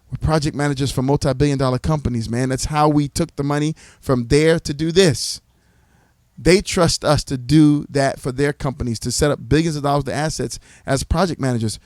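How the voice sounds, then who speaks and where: A man making a livestream pitch to his audience. He talks like a preacher and repeats phrases for emphasis. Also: a little mellow, no room sound. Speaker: community organizer presenting his platform.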